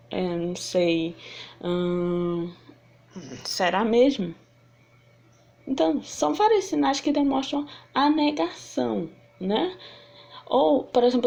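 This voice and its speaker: A woman leads a sign language lesson in a fairly high voice. Her pitch swoops widely as she acts out example phrases, and a gravelly fry runs through her speech. She thinks aloud between points, with fillers and restarts. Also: a little mellow. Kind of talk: online lesson.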